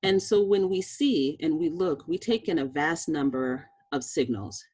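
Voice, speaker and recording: A woman's voice: low-pitched, measured pace, darkish tone, husky, no echo. A woman in her fifties from Boston, a physician giving a conversational presentation who keeps checking in with her audience. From Boston, USA. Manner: conversational, checks in with "all right?" and "okay?". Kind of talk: presentation lecture.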